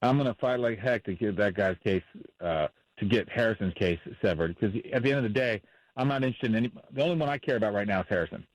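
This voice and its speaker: A man's voice: on the low side, quick pace, no room sound, lo-fi sound. A man speaking as a defense attorney in a radio interview, blunt and impassioned, repeating himself for emphasis.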